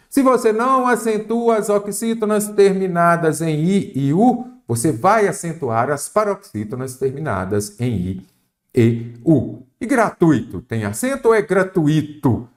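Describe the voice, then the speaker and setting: A man with a Brazilian Portuguese accent teaches an exam-prep grammar lesson, asking questions and answering them himself. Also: fairly high pitch. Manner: didactic, asks and answers his own questions.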